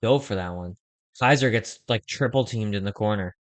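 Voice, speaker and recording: A young man hosting a fan watch-along stream, giving casual play-by-play and chat with quick excited reactions. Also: fairly low pitch, no echo. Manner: conversational, reacts excitedly to plays, uses fillers like "like".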